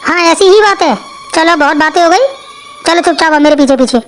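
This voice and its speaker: A woman's voice: very high-pitched, fairly quick, slight background noise. Woman doing a brash, skeptical young village man. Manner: brash, scoffing. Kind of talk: cartoon voice acting.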